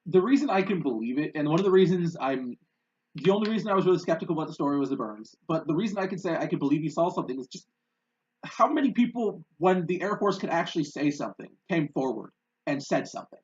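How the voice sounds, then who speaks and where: A man's voice: fairly high pitch, expressive, fast talker, a little mellow, muffled recording. A man co-hosting a podcast, telling a story in a loose, rambling way with frequent laughs. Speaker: podcast co-host. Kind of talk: casual chat.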